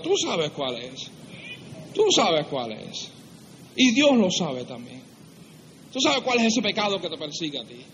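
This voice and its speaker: High-voiced preacher in an echoing church. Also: male voice, fairly bright tone, a little hiss or hum. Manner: acts out prayers in a high pleading voice, then drops low and slow for emphasis. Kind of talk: sermon.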